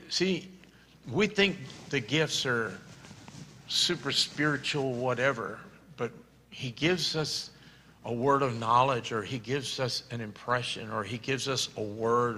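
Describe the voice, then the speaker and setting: A man's voice: medium pitch, unhurried, bright, forceful tone, slight background noise. An older man, a pastor, telling a story in a sermon and acting out the voices of the people in it.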